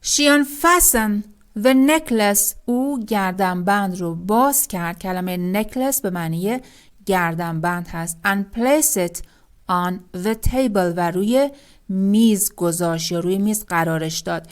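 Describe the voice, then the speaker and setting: Woman teaching English vocabulary, slow drills. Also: lowish voice. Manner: reads English example sentences very slowly, then explains them briskly. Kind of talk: vocabulary lesson.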